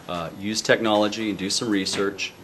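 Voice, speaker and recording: Deep-voiced man teacher, halting speech. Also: steady tone, fairly bright tone. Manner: halting, many filler sounds. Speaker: middle school teacher. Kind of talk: casual explanation to camera. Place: busy school classroom. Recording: noisy classroom with chatter behind. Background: chatter of students.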